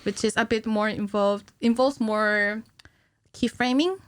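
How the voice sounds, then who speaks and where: In a small, curtained podcast studio, a woman who works as a cinematic animator haltingly describes the technical side of her job during a casual interview. Her voice is on the high side, and the boom-arm studio mic she uses, along with headphones, picks her up with no echo.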